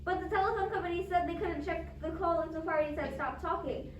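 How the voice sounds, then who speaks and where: In this stage version of a radio suspense play, a woman from an amateur drama club portrays a fretful, self-absorbed invalid wife, speaking fairly quickly in a high voice. She's indignant and pressing, stumbling over words with agitated insistence, recorded with a distant mic amid echo and background noise.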